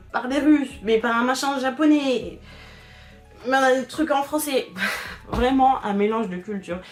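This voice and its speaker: A woman giving a casual explainer voice-over at a middling pitch. She talks in loose, halting phrases full of fillers and restarts. Soft music plays quietly behind her. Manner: hesitant, many fillers and restarts, laughs often. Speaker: video creator explaining internet history. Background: faint background music.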